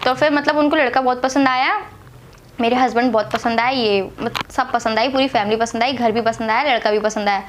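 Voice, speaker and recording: Young woman, from Agra, chatty storyteller, high-pitched, lots of fillers. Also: fairly even intonation, fairly quick, a little hiss or hum. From Agra, India. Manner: chatty, repeats herself, many fillers. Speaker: vlogger telling her marriage story. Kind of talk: casual storytelling to camera.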